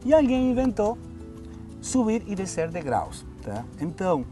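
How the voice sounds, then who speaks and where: An Argentine fitness instructor with an Argentine Spanish accent explains things in a friendly way during a TV studio interview and demonstration, often ending phrases with "tá?". His warm voice sits high with big pitch swings and a measured pace, and there's background music in the studio.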